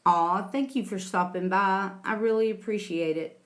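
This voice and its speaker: A woman hosting a casual livestream, chatting with viewers and calling them sweetie and honey. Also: mid-range voice. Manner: slow, homey, calls viewers sweetie and honey. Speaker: livestream host reading chat.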